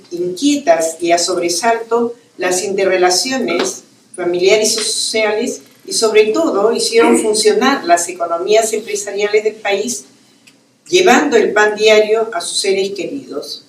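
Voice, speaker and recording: A woman with a Peruvian Spanish accent reads her prologue aloud in a measured, formal way. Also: medium pitch, distant mic, a little hiss or hum. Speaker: prologue writer. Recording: roomy hall, voice off-mic.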